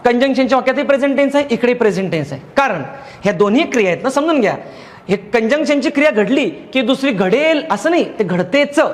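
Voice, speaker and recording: High-voiced man teaching grammar. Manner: explains patiently, repeats each point. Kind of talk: classroom lecture.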